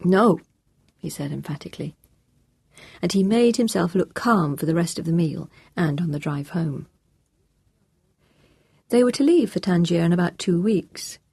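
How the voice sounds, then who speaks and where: Husky, low-voiced woman narrator. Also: lively intonation, moderate pace, pauses often, mellow, dry recording, clean studio sound. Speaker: audiobook narrator. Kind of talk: scripted audiobook narration.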